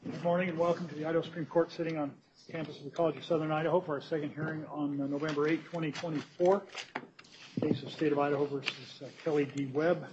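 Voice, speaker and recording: A man's voice: on the high side, flat delivery, fast. A man speaks as a presiding judge, making formal courtroom announcements. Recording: dull, noisy courtroom recording.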